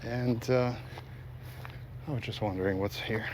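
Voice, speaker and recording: With a mid-range, steady and slightly mellow voice, the man talks a little slowly while hosting his outdoor walking vlog. His commentary is casual and wandering as he walks along a road, with vehicles and faint ambient noise behind him.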